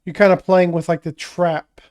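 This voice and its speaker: A man co-hosting a podcast, talking casually about a tabletop wargame in a measured, hesitant way with frequent restarts. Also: high voice, little pitch movement, darkish tone. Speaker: podcast co-host.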